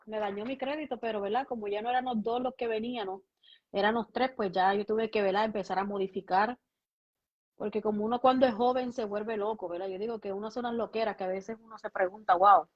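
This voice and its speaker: A woman's voice: mid-range voice, fairly even intonation, fast talker. A woman pastor, giving her testimony as an interview guest and acting out both sides of the conversations she recounts. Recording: dull lo-fi sound.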